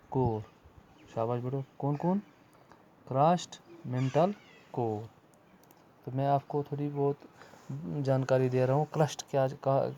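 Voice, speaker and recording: A middle-aged man teaching children a lesson, repeating key words and coaxing his pupils, reading textbook lines slowly before explaining them. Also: medium pitch, dark tone, a little hiss or hum. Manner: repetitive, coaxing, calls pupils "beta". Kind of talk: classroom lesson for children, Urdu mixed with English.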